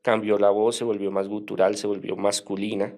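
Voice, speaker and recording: Measured, hesitant male exorcist priest. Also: lowish voice, level tone, darkish tone. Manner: measured, hesitant with many fillers. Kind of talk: storytelling in an interview.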